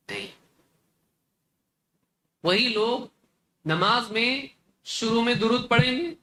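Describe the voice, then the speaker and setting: A man giving a religious lecture, animated, acting out opponents with mocking rhetorical questions. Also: sits high, a little hiss or hum. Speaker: Islamic scholar lecturing.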